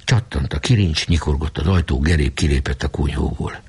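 A man narrating a storybook with an expressive, scripted reading. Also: rumbling low, husky. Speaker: audiobook narrator.

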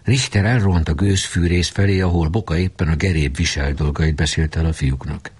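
A man reading a novel aloud with expressive storytelling. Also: very deep voice, husky. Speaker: audiobook reader. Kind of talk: scripted narration.

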